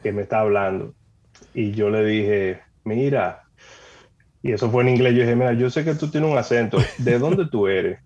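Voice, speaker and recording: A Dominican man tells stories in a relaxed podcast chat, his voice at a middle pitch. He acts out every quoted line with animation and laughs often. The audio sounds slightly dull and lo-fi. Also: moderate pace. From Dominican Republic. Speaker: guest. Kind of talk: lively storytelling in a casual chat.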